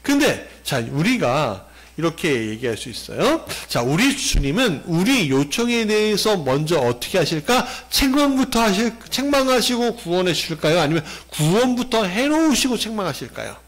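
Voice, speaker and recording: A man's voice: sits high, sing-song, normal speed, few pauses. A male pastor giving a sermon, explaining step by step and putting questions to the congregation.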